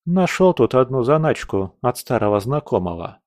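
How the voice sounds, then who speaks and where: A man voicing a calm, mocking young male mage in an audiobook. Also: medium pitch, normal speed, no room sound, clean studio sound, natural voice. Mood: evasive.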